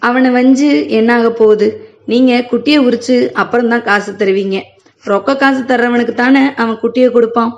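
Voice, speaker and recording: A woman's voice: a little high, steady tone, normal speed, natural voice. A woman reading as a grieving, reproachful wife. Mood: lamenting, reproachful. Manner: reproachful, lamenting. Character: sick, grieving village wife in middle age. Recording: muffled lo-fi recording.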